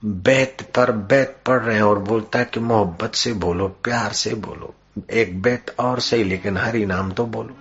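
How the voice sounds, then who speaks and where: A man giving a devotional sermon, telling a story and acting out its characters with dramatic pauses. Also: on the low side, fairly bright tone. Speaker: spiritual preacher. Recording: dull lo-fi recording with faint music.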